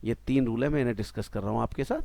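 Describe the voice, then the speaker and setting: A man in his forties with an Indian accent, giving a tax lecture to a class, animated and mixing in English terms while checking that students follow. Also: medium pitch, rapid-fire, dry recording. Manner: animated, mixes Hindi and English, asks students "clear?". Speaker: tax teacher.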